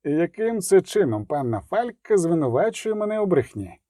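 A man voicing a calm, well-informed middle-aged merchant in an audiobook, explaining in a measured way. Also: high voice, no echo, clean studio sound.

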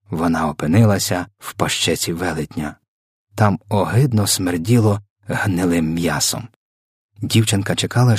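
A man's voice: on the low side, a little mellow, husky, no room sound, clean studio sound. A man narrating a children's storybook in a vivid, dramatic reading.

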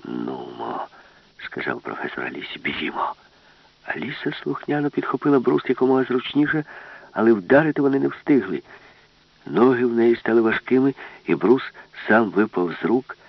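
A man narrating a children's science-fiction story in an expressive storytelling manner. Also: medium pitch, brisk, no room sound, muffled recording. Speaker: audiobook narrator.

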